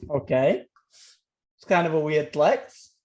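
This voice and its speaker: A man's voice: a little high, very animated, slow pace, darkish tone, slight background noise. A young man co-hosting a casual podcast, trading dry, teasing banter with his friend. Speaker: podcast co-host. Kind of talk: casual chat.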